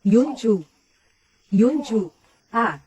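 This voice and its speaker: A woman's voice: fairly high pitch, animated, very slow, darkish tone, slightly rough, no echo, heavily acted, rough recording. A woman voicing every character of a dubbed drama in one plain voice.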